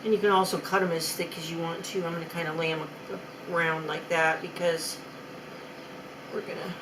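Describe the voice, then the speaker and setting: A woman's voice: deep voice, little pitch movement, a little fast, background noise. A woman chatting casually through a home kitchen demonstration, loose and trailing off mid-sentence. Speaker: host of a food demo video.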